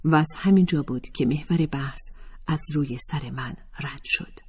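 Husky-voiced woman reading a novel. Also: low voice, darkish tone. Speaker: audiobook narrator. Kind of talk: first-person novel narration.

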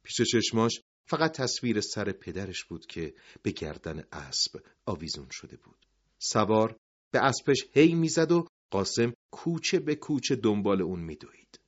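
A man with a fairly low voice narrates a dramatic storybook tale. His pitch moves widely and he sinks into hushed tones at the end of sentences. The recording is slightly dull and lo-fi. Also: expressive.

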